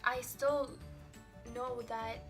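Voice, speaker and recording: A woman from Pakistan giving an informal book review, with frequent fillers and pauses. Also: fairly high pitch, fairly even intonation. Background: background music.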